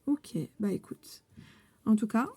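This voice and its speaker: A woman vlogging about scrapbooking, showing and praising crafts she received while handling paper, with warm repeated compliments and frequent hesitations. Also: fairly high pitch, takes it slowly, slightly rough. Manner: enthusiastic, repeats her praise, many hesitations. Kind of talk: casual show-and-tell vlog.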